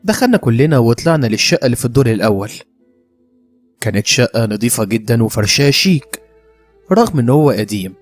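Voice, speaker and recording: A man with an Egyptian accent narrating a first-person drama story in a steady, conversational way. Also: mid-range voice, fast talker, soft background music. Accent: Egyptian Arabic.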